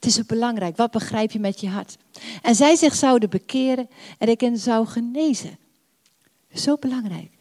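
Older woman preaching in a reverberant hall. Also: a little high. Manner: warm, emphatic, repeats phrases for stress, drawn-out prayers. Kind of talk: sermon.

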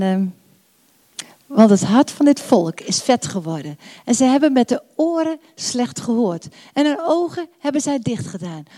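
An older woman preaching a sermon, warm and emphatic, repeating phrases and drawing out her prayers. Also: medium pitch. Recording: long hall reverb.

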